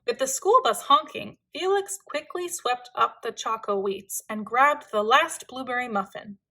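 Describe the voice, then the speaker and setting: A woman reading a children's storybook aloud in an expressive, deliberate, dramatic way. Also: fairly high pitch. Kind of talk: expressive scripted read-aloud narration for children.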